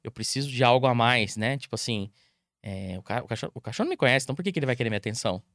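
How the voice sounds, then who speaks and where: Fast-talking Brazilian man, animated. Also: medium pitch, no echo, clean studio sound. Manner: animated, acts out owners and dogs in quick voices. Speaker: dog trainer, guest. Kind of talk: casual interview talk.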